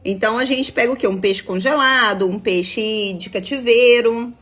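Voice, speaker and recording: Husky-voiced woman explaining. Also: fairly high pitch, moderate pace, fairly bright tone. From Minas Gerais, Brazil. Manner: explanatory, checks in with frequent tag questions. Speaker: nutritionist. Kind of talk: live-stream talk reading viewer comments.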